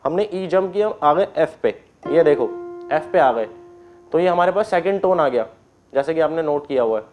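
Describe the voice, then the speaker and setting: A man with a high voice walks students through keyboard scales, patient and step by step. He often clears his throat and checks that everyone follows, with faint music in the background. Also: lively intonation, moderate pace, darkish tone. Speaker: keyboard teacher. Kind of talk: online music class. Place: indoors with keyboard and board.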